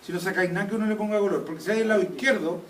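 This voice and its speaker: A man's voice: high-pitched, racing. A man teaching an anatomy class, constantly quizzing students with check questions. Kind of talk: classroom lecture. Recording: echoey room, taped from a distance, faint noise.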